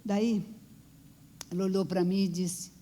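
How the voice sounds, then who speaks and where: A woman's voice: mid-range voice, steady tone, a little slow, mellow, a little hiss or hum. A woman preaching in church, telling a personal testimony in an earnest storytelling way. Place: church hall. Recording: long church-hall reverb.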